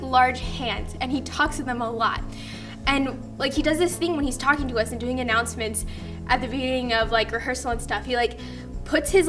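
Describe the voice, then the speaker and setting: A woman talking casually and rambling, full of fillers, as she pays a friendly tribute. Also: high-pitched. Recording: distant mic, loud background music.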